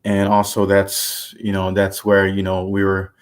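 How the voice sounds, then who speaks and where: A man in his twenties from Haiti, a guest telling his story in a casual interview, relaxed and chuckling, with many fillers. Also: low-pitched, measured pace. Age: 20s.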